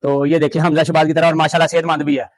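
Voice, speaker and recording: A man with a fairly high voice gives an excited walkthrough of an outdoor cattle farm. He exclaims in delight at each animal and drops to a soft, coaxing tone when he speaks to them. The sound is dry and close. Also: rapid-fire, dry recording, rough recording. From Pakistan. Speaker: vlogger touring a cattle farm. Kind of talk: casual walkthrough commentary.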